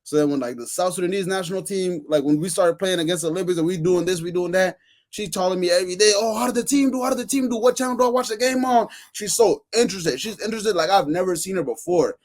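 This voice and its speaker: A man on a podcast panel, telling excited stories in casual chat, full of restarts and fillers. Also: high voice. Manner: excited, rapid storytelling with many restarts and fillers.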